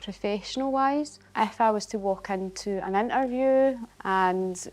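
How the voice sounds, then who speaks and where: Woman, broad Scottish Glaswegian accent, middle pitch, casual chat, earnest, colloquial. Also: unhurried, a little mellow. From Glasgow, Scotland. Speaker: elocution student.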